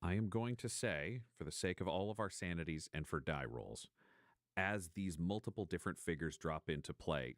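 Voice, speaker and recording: Deep-voiced man running a tabletop game. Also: no room sound, clean studio sound. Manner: slow, deliberate scene narration with casual asides. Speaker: game master. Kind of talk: narrating a tabletop role-playing game.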